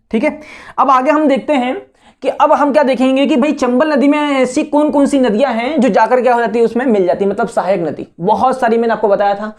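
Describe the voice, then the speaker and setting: A man's voice: extremely high pitch, darkish tone. A man gives an online exam-prep lecture. He keeps asking rhetorical questions, answers them himself, repeats key words and scolds his students bluntly. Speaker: exam coaching teacher.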